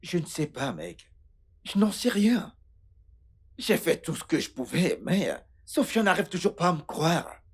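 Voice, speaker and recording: A man dubbing a worn-out husband in a film, exasperated and prone to bursts of shouting. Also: on the high side, big pitch swings, measured pace, slightly rough, heavily acted. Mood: weary. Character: harried husband, worn out at home. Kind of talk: dubbed film acting.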